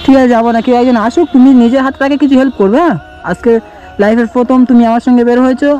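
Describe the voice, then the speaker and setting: Man coaxing his little child, mellow. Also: extremely high pitch, steady tone, racing, highs cut off, soft background music. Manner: coaxing, doting, talks softly to a small child. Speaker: father vlogging with his little daughter. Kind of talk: casual vlog talk to a child. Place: outdoors in tree shade on a hot day.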